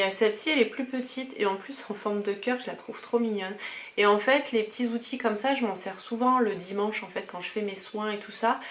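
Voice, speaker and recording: A woman chatting casually through a beauty box unboxing, enthusiastic and full of hesitant fillers. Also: mid-range voice. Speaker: beauty vlogger. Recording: echoey room, faint ambient noise.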